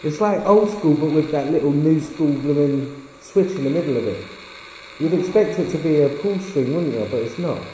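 A man's voice: a little high, animated, normal speed, warm tone. A man chatting in a laid-back, matter-of-fact way while exploring an abandoned house. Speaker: urban explorer. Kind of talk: casual exploring chat. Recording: long hollow reverb, faint hiss.

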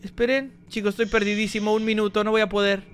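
A man giving energetic gameplay commentary, talking straight to his viewers. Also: high-pitched, quick pace, a little hiss or hum. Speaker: gaming YouTuber.

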